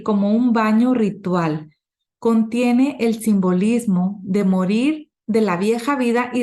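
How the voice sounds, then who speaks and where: A woman teaching a Bible study class at an unhurried pace, her voice sitting at an ordinary middle pitch. She explains each point step by step, pausing and restarting as she thinks aloud. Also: a little mellow. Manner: slow, explanatory, with fillers and restarts.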